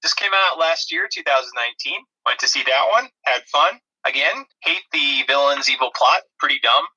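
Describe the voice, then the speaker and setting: A podcast co-host chats casually about films, reviewing movies with wry, dry-humoured asides. His voice is fairly high with a sharp tone and a breathy edge, his pace is moderate, and the audio quality is poor.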